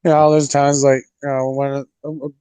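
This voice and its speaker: A man's voice: little pitch movement, normal speed, warm tone, clean tone, dry recording. A man chatting on a podcast, blunt and full of swearing, mimicking other people as he talks. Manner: blunt, profane, swings his pitch mimicking others. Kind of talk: casual chat.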